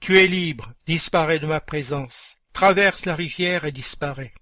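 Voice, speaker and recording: A man's voice: a little high, normal speed, pushed and bright, dry recording. A man voicing a proud, cruel rich landowner woman who gives harsh orders and mocks her servant. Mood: scornful. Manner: harsh, scornful, commanding. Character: haughty, cruel rich plantation mistress.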